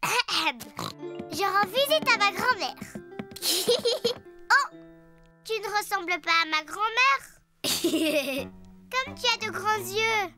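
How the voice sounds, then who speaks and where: A woman voicing a cheerful, bossy little girl pig, about four, in a children's cartoon dub, with an excitable singsong delivery. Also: extremely high pitch, drawn-out words, long pauses, over music, heavily acted. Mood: playful, dramatic.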